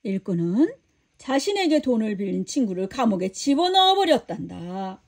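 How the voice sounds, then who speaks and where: A woman voicing Jesus as a gentle, patient male teacher who tells a story calmly and kindly to a disciple. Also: on the high side, normal speed, vocal fry, exaggerated voice.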